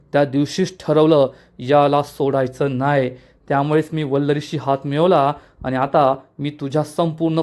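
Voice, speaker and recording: A man's voice: a little high, a little mellow, natural voice. A man putting on a taunting scheming villain. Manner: taunting, sing-song. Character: mocking scheming middle-aged villain brother.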